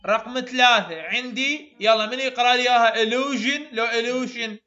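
Iraqi-accented male phonetics teacher, high bright voice, slow drill repeats, muffled class recording. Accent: Iraqi Arabic. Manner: repeats sounds slowly, praises students often.

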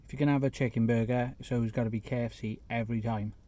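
A man reviewing a fast food burger in a chatty, casual vlog, sometimes talking with his mouth full, sitting in a parked car. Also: mid-range voice, fairly even intonation, mellow. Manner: chatty, eats while talking, self-deprecating asides. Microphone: phone camera.

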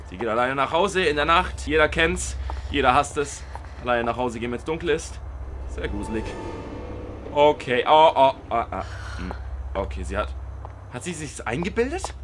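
A young man reacting to horror videos, animated and jokey, with mock fear and shouts at the screen. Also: mid-range voice, normal speed. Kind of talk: reaction commentary. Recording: music in the background.

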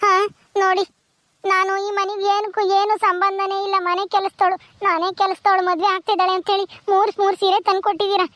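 A woman's voice: extremely high pitch, flat delivery, moderate pace, a bit bright, dry recording. A woman playing a humble young housemaid who pours out emotional thanks in a home comedy skit. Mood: grateful.

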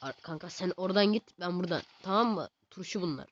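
High-pitched guy hyping up his match, repeats words fast, kinda dull low-fi sound. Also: slight background noise. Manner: excitable, teasing, chants words in rapid repeats. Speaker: gaming channel host. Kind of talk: casual gameplay commentary. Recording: slightly dull lo-fi recording.

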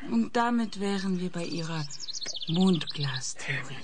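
A woman's voice: fairly low pitch, lively intonation, a little slow. Sceptical female interviewer, noisy backdrop. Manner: probing, articulate, challenging. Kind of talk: German audio drama acting.

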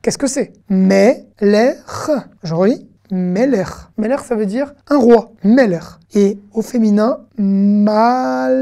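A woman giving an online lesson, patient and repetitive, saying words slowly and checking in with her students often. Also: medium pitch, dark tone. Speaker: Hebrew teacher.

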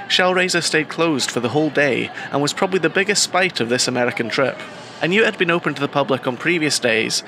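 A man's voice: fairly high pitch, bright, forceful tone, slight background noise. A man narrating a scripted voice-over review of a theme park, in a dry, opinionated tone. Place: voice-over, not recorded at the pictured park.

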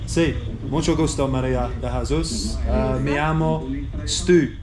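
A man in his thirties with an English accent, chatting casually and mixing English with halting, broken Spanish. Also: medium pitch, a crowd in the background. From England. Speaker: travel vlogger and barbershop customer. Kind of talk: casual chat. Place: small barbershop and street outside.

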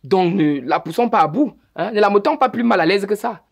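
A man's voice: high-pitched, lively intonation, brisk, vocal fry, slightly rough, dry recording, exaggerated voice. A man playing a preachy self-styled family head. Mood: lecturing. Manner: preachy, sermonizing, keeps adding "hein?". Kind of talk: web series drama acting.

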